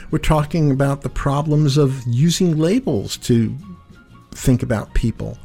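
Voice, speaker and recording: A male radio host talks to his listeners at a very unhurried pace. His mid-pitched voice moves in measured, short phrases as he offers reflective advice. Faint music sits behind him. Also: warm tone. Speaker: radio call-in show host. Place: radio studio.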